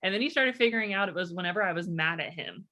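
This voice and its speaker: A young woman in her twenties co-hosting a casual podcast, chatty and quick to laugh. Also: lowish voice, pushed and bright. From rural United States farming community. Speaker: podcast co-host.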